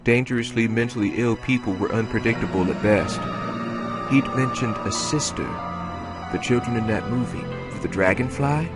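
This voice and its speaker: A man narrating an audiobook chapter in a steady storytelling manner. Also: mid-range voice, moderate pace, loud music behind the voice. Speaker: audiobook reader.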